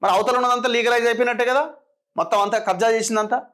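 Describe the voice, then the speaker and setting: A man's voice: very high voice, fairly even intonation, quick pace, fairly bright tone. A man with a Telangana Telugu accent giving opinionated political commentary, firing sarcastic rhetorical questions.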